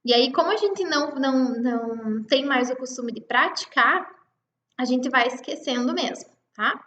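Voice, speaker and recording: High-voiced woman teaching in an echoey room. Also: moderate pace, a bit bright, lo-fi sound, slight background noise. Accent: Brazilian Portuguese. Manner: patient, explains step by step, checks in with students. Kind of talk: online class lecture.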